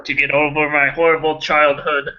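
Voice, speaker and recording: A man's voice: a little high, flat delivery, normal speed, highs cut off. A man playing in a casual tabletop role-playing game over voice chat, joking and playing up his character's lines. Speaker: player.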